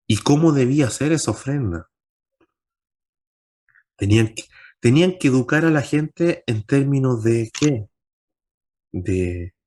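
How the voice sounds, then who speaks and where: Emphatic male pastor teaching scripture. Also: medium pitch. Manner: asks rhetorical questions and answers them. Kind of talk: Bible class teaching.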